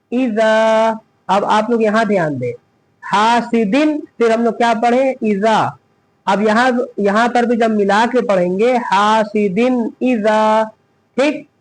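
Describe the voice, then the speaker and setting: A man's voice: high-pitched, a little mellow, rough recording. A man teaching Quran reading, spelling out letters step by step and asking and answering his own questions. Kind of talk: step-by-step recitation lesson.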